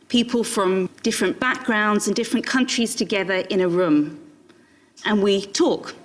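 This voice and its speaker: A woman moderating a small discussion group, explaining the process calmly and step by step. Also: medium pitch.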